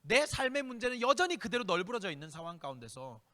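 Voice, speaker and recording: Man, youth pastor, impassioned sermon, emphatic repetition, high lively voice, long church reverb. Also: fast. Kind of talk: sermon and prayer. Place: church worship hall.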